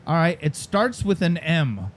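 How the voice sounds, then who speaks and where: A man's voice: a little high, big pitch swings, takes it slowly, slight background noise. A man hosting a casual fishing talk show, joking and teasing, laughing often. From Florida. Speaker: podcast host. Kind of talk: casual radio chat.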